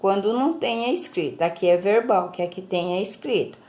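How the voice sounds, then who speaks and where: A woman's voice: mid-range voice, a little fast, darkish tone. A Brazilian woman teacher, giving a recorded lesson and explaining each step patiently, checking in often with her pupils. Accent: Brazilian Portuguese.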